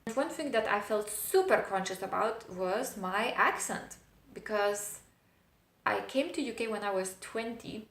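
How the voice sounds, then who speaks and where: Her medium-pitched voice has a fairly bright tone as this thirty-something vlogger reflects aloud in English, which isn't her native language, with a noticeable accent. The monologue is thoughtful, with pauses and fillers, and the room gives it an echo.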